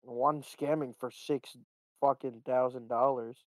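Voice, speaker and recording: A young man co-hosts a casual podcast and bluntly mocks his friends, peppering his talk with "bro" and "like". His voice sits in a middle pitch. It is recorded close and dry, with no room sound. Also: fairly even intonation, measured pace, no room sound, poor audio. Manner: blunt, mocking, says "bro" and "like". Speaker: podcast co-host.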